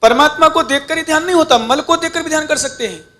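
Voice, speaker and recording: Monk preacher, male, very high voice, fervent prayerful sermon delivery, direct questions to the congregation. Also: quick pace, sharp tone, faint music behind. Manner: addresses listeners directly with instructions. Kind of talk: devotional sermon.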